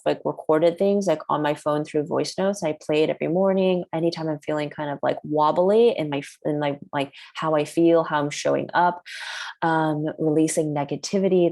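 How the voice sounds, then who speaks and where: A woman whose first language is Chinese hosts a workshop in a casual, chatty manner, saying "like" a great deal. Her voice is low with a darkish tone.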